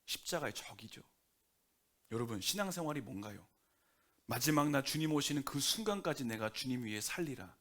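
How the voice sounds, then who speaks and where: A man preaching a Sunday sermon as pastor, conversational and lively, often acting out quotes. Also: medium pitch, a little fast. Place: church sanctuary.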